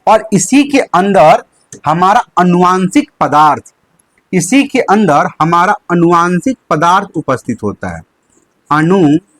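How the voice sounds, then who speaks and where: A young male teacher gives a live online lesson. His voice sits high and swings widely up and down. He poses questions, answers them himself, and repeats each key term, all in a dry, close room. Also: big pitch swings, measured pace, fairly bright tone, no echo. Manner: uses a handkerchief as a prop.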